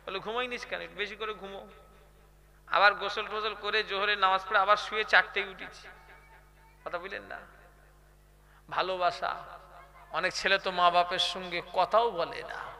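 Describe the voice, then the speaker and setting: Bright-voiced, high-pitched Bengali preacher. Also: male voice, little pitch movement, normal speed, long pauses. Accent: West Bengal Bengali. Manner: keeps asking the crowd to answer, swinging from quiet chat to loud chanted outbursts. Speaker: Islamic preacher. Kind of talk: live sermon at a religious gathering.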